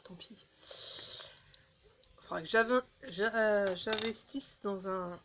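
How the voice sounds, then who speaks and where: A woman casually chatting through a beauty haul, halting with fillers and restarts, recorded on a phone indoors. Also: medium pitch, noisy background. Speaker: beauty vlogger.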